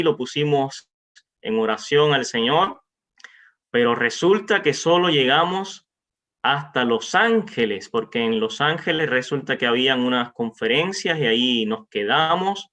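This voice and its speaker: Speaking through a remote online meeting microphone, with dull, lo-fi sound, a visiting preacher from Cuba in his forties greets a congregation and shares an informal testimony. He pauses often and halts as he talks, his voice medium in pitch and a little bright.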